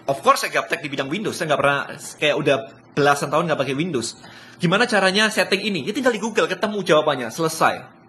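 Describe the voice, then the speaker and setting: Excitable man with a bright, forceful voice. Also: a little high, fast talker, slight background noise. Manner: excitable, laughs often, mixes English phrases into casual speech. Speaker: business speaker. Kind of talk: motivational live-stream talk.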